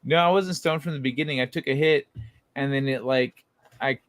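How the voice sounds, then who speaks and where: A man's voice: medium pitch, fairly quick, dry recording. Laid-back man hosting a late-night stream. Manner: laid-back, rambling, laughs often. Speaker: livestream host. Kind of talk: casual late-night chat.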